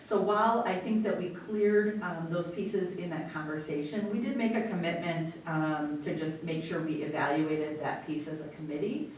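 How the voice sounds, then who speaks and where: A woman's voice: normal speed, few pauses, darkish tone. A woman with an American accent giving an explanatory report at a meeting as a school superintendent. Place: indoor meeting room. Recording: echoey room, far mic, faint rumbling noise.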